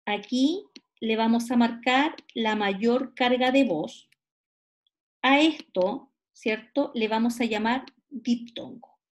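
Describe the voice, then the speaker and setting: Woman lecturer, middle-aged, fairly high voice, stretches example words, keeps asking for agreement. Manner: explains slowly, stretches example words, asks rhetorical checks. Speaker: teacher. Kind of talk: classroom lecture.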